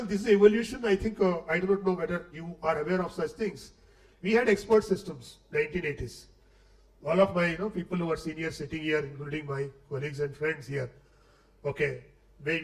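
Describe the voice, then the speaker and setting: A middle-aged guest lecturer with an Indian English accent addresses faculty in a lecture hall while nursing a cold, so his high-pitched voice isn't clear. He's chatty and conversational, peppering the audience with questions and saying "okay" often. The hall is echoey and he stands far from the mic.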